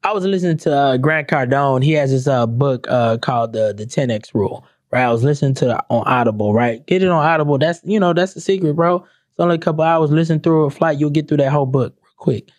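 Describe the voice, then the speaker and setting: High-pitched man ranting, profane and animated. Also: fast, no room sound, clean studio sound. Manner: animated, profane, sings song lyrics mockingly. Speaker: commentator. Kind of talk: comedic rant to camera.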